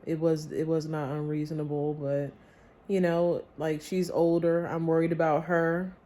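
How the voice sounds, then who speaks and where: A woman speaking candidly in a personal vlog, confiding and reflective, with halting phrases and pauses. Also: low-pitched, level tone, warm tone. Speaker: vlogger.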